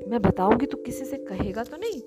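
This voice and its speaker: A woman's voice: on the high side, very animated, a little fast, loud music behind the voice. Woman doing a kindly old grandmother. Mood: coaxing. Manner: fond, coaxing storyteller.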